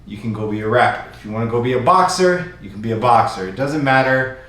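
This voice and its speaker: A man's voice: medium pitch, expressive, fast talker, a bit bright. A man hosting his own channel, explaining fight clips in a casual, repetitive recap. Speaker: YouTube commentator. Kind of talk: casual commentary over clips. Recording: very echoey room.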